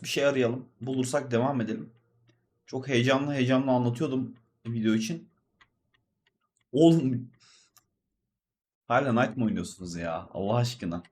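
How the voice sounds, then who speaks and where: A man's voice: mid-range voice, darkish tone. Chatty young man narrating gameplay. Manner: chatty, rambling, addresses viewers as friends. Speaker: gaming video host and streamer. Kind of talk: casual gameplay commentary.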